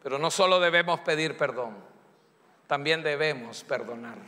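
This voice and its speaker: A man's voice: on the high side, normal speed, sharp tone. A man preaching a sermon as pastor, emphatic and acting out pleas and excuses. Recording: echoey church hall.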